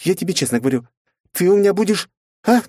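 Man doing a haughty young princess, high raised voice, snapping and threatening, possessive, audiobook character, dry sound. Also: animated, fast talker, darkish tone, no room sound. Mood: furious, threatening. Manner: snapping, scolding, menacing.

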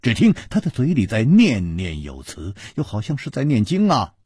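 A man's voice: mid-range voice, wildly swooping pitch, normal speed, a little mellow, slightly rough, dry recording, clean studio sound. A man telling a traditional serialized story, narrating expressively and dramatically.

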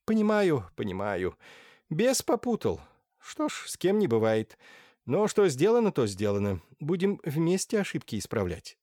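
A man's voice: on the high side, huge pitch swings, normal speed, a little mellow, no echo, voice pushed up. A man voicing a domineering, scheming older noblewoman in an audiobook, by turns wheedling and hissing. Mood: coaxing. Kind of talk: audiobook character voice. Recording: dry close studio sound.

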